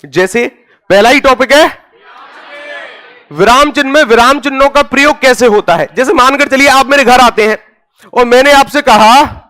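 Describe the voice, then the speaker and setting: A man teaching a Hindi grammar class, asking his students questions and answering them himself, with loud stresses on key words. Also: very high voice, normal speed, long pauses.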